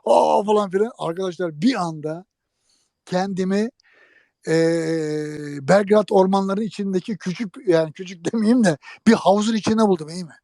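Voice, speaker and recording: High, gravelly man telling a story. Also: normal speed, no echo. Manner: lively, jokey storytelling, addresses listeners directly. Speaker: guest telling an old prank story. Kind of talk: animated anecdote in an interview.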